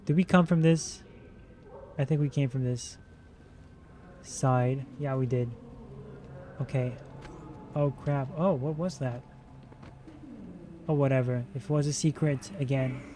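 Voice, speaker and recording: A man's voice: medium pitch, fairly even intonation, a little slow, pauses often, background noise. A man streaming a video game who chats casually, rambling while he plays and answering his chat. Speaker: gaming streamer. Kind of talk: casual let's-play commentary.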